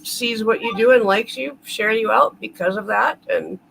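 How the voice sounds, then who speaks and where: A woman's voice: fairly high pitch, moderate pace, creaky, a bit bright, a little hiss or hum, rough recording. A woman guesting on a livestream, chatting in a friendly, encouraging way. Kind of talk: casual chat.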